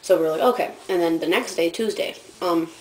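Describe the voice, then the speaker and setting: Teen girl vlogging about school stuff, kinda low voice for a girl, giggly, lots of um and like. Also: brisk, rough recording. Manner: giggly, rambling, lots of fillers. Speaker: student vlogger. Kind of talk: casual storytelling vlog.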